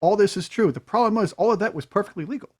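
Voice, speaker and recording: A man's voice: high-pitched, very fast. A man hosting a political panel, talking hesitantly with many restarts.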